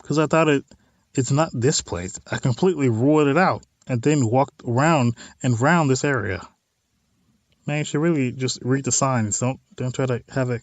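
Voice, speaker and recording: Hosting a visual novel let's play, a medium-pitched man reads the text out loud with no room sound. He drops in informal, wry side comments on the material.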